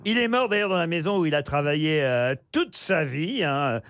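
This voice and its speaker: A man with a high voice hosts a radio game show. He reads out the prizes and teases the panel in a chatty, bantering way. His voice is close and dry on a studio microphone. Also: sing-song, normal speed, fairly bright tone, no echo. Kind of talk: radio quiz presenting.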